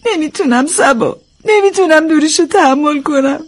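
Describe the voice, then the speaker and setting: A woman's voice: high-pitched, natural voice. A woman acting a distraught young mother who cries and pleads as she talks about losing her child. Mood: sobbing, pleading. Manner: pleading, sobbing. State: crying.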